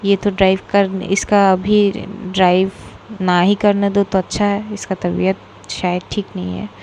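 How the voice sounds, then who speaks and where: A woman's voice: mid-range voice, little pitch movement, a little slow, vocal fry, a little mellow, a little hiss or hum. A woman with a Bengali accent voicing a matter-of-fact young man, barely changing her own voice. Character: practical young man, brother-in-law.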